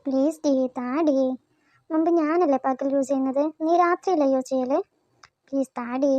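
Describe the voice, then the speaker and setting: Woman doing a bossy high-voiced cartoon big sister. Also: normal speed, a little mellow, dry recording, muffled recording, natural voice. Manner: bossy, scolding. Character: bossy young woman, visiting older sister. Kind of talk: cartoon voice acting.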